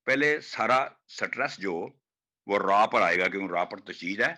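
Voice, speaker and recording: A man teaching Quran recitation, demonstrating hard words slowly and repeating each one. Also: on the low side, lively intonation, bright, forceful tone. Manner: slow, drawn-out demonstration of each word, repeated. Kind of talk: online pronunciation class.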